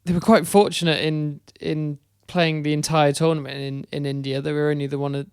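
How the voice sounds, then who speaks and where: Young male podcast co-host, smooth resonant voice, dry sound, hesitant casual cricket chat. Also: a little high, flat delivery, fairly quick, a little mellow, no room sound. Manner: thoughtful, hesitant with fillers.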